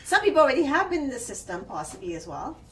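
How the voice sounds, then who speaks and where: A woman's voice: high-pitched, very animated, quick pace, slight background noise. A woman from Trinidad hosting a talk show, polite and reassuring as she moderates the discussion. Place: TV studio. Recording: distant mic with faint ambience.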